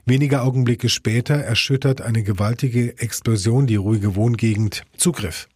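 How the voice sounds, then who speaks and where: A man's voice: mid-range voice, steady tone, moderate pace, a little mellow, breathy edge, no room sound, clean studio sound. A man narrating a dramatic news report in a tense, scripted read.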